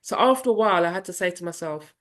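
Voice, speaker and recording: A woman's voice: lowish voice, fast talker. A woman in her fifties, a parenting coach, telling her personal story in an interview in a candid, reflective way and acting out family voices. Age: 50s. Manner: animated, acts out family dialogue in voices.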